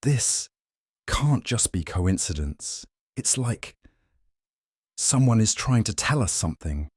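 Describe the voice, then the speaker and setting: A man voicing a frightened young woman investigator, speaking in an anxious, halting way. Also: lowish voice, sing-song, darkish tone, breathy edge, no room sound, studio quality, pitched above the performer's own voice, heavily acted.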